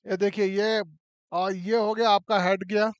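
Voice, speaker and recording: Male mining instructor with a high, smooth and resonant voice. Relaxed classroom explanation, often checking in with the listener. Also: a little slow, no echo, highs cut off. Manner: talks through a model step by step, often checks in with the listener. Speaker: mining teacher.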